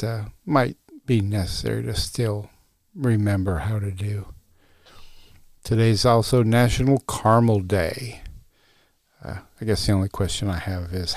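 Gravelly-voiced man hosting a podcast. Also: fairly low pitch, a little mellow, no room sound, clean studio sound. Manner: casual, many fillers and restarts. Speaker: podcast host. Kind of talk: solo podcast talk.

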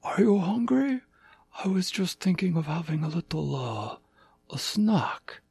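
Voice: mid-range voice, sing-song, a little slow, creaky, darkish tone, husky, voice pushed up, exaggerated voice. A storyteller voicing a patient, formal male tiger who is king of the cats, speaking politely without contractions.

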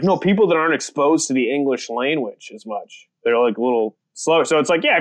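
Animated, laughing young comedian, higher voice. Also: male voice. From United States. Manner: animated, laughing storyteller, swears freely. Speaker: comedian guest. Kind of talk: casual podcast chat.

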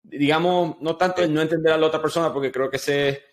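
A man hosting an interview, asking his guest measured, thoughtful questions. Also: fairly high pitch, fairly even intonation. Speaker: podcast host. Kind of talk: conversational interview.

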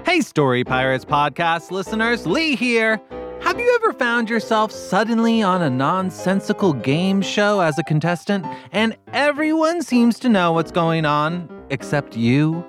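Animated male podcast host over music. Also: sits high, a little slow. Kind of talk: scripted introduction.

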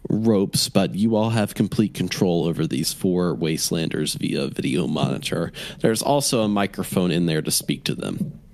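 A man's voice: low voice, creaky, darkish tone, no room sound. A man narrating as game master of a tabletop game, describing scenes in a rambling way with many fillers.

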